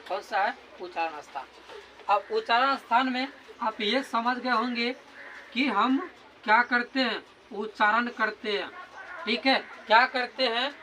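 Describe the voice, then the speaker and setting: Guy teacher with a high bright voice, talks slow, asks then answers himself, faint hiss behind. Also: low-quality recording. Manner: repeats questions and answers them himself, drills sounds aloud. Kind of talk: classroom lesson explaining grammar.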